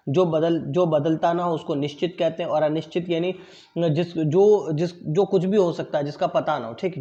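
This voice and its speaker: A man teaching an online class, explaining answers slowly and repeating them, often checking in with his pupils. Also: a little high, dark tone, highs cut off. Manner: drills pronunciation, word then pause for pupils.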